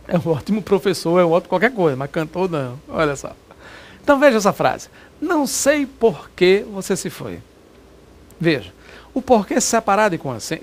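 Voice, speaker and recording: A Brazilian man teaching Portuguese grammar in an exam-prep video lesson, chatty, repeating examples and checking that students follow. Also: high-pitched.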